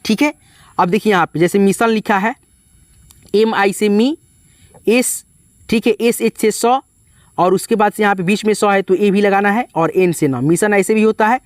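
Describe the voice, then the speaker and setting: A man's voice: high voice, moderate pace, no echo. Male tutor, patient step-by-step spelling lesson, dry and close to the mic. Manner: spells letter by letter, repeats "ठीक है" and "दोस्तों". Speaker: English teacher.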